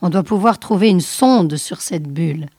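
Woman voicing a calm male starship commander, commanding, dry close sound, storybook reading. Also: lowish voice, normal speed, husky, no room sound. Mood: steady.

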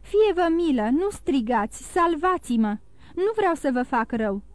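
A woman's voice: high-pitched, darkish tone, no echo, close to an everyday voice. Audiobook: female reader as a cornered young murderer pleading frantically; raised, dry voice. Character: desperate young male fugitive murderer.

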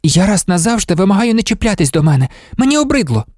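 A man reading an audiobook, voicing a proud, hot-tempered young woman clerk with sharp, indignant outbursts. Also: high-pitched, big pitch swings, fast talker, no echo, clean studio sound, pitched above the performer's own voice. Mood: furious.

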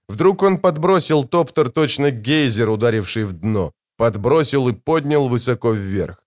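A man reading a novel aloud as an audiobook narrator, in a measured, dramatic storytelling manner. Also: medium pitch. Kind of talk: scripted narration.

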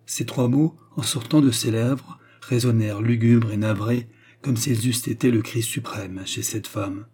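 A man reading a classic novel aloud as narrator, in a measured, expressive storytelling manner. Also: mid-range voice, husky. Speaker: audiobook reader.

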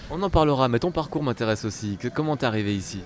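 A man's voice: mid-range voice, expressive, very fast. A man hosting a casual interview, asking questions inquisitively. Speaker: interviewer, host. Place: restaurant.

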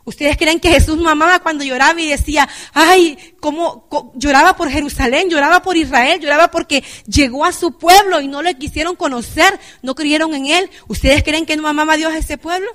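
A woman's voice: high voice, brisk, hardly any pauses, a bit bright. A woman preaching a church sermon who keeps checking in with the congregation with "right?" and calls them brother and sister. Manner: addresses listeners as brother and sister. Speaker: lay preacher.

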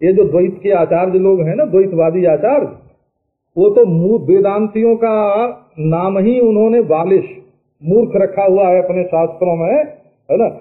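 A man giving a spiritual discourse, explaining slowly with chanted verses and spoken asides. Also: high voice. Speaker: spiritual teacher. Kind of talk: Vedanta discourse. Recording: tinny lo-fi archival tape.

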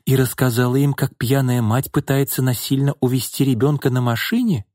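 A man voicing a calm, firm young woman who stands her ground coolly. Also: medium pitch, a little fast, no echo, clean studio sound, voice pushed up, close to an everyday voice. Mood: stern. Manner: cool, stern, composed.

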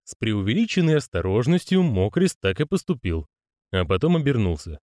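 A man's voice: on the low side, brisk, no echo. A man narrating an audiobook expressively, voicing the characters. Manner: expressive, theatrical. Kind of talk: audiobook reading with character voices.

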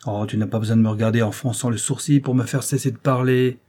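A man's voice: mid-range voice, fairly even intonation, normal speed, warm tone, lightly acted. A man doing a surly, bitter innkeeper. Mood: angry. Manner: gruff, complaining, raised voice. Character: surly grumbling male innkeeper, coarse and bitter.

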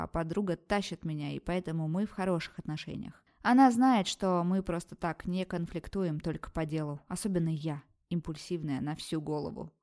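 Low, mellow woman reading a novel. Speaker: audiobook narrator. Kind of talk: scripted first-person novel narration.

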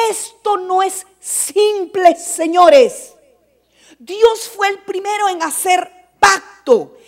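A woman preaching a fervent church sermon in a very high voice. She talks slowly and emphatically and repeats her phrases. She drops to soft asides, then rises into shouted exhortation.

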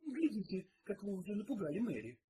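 A man's voice: sits high, sing-song, takes it slowly, background noise, voice pushed up, heavily acted. A man reading aloud and voicing a stout, indignant middle-aged woman cook who scolds sharply. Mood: scolding.

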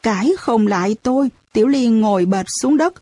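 Brief: audiobook reader, woman, fairly high voice, dry close sound, lively storytelling. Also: moderate pace, no echo. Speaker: audiobook narrator. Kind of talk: storybook narration.

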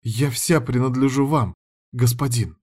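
A man's voice: medium pitch, measured pace, a little mellow, natural voice. A man voicing a pleading woman director. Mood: eager. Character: adult woman, submissive, pleading school director.

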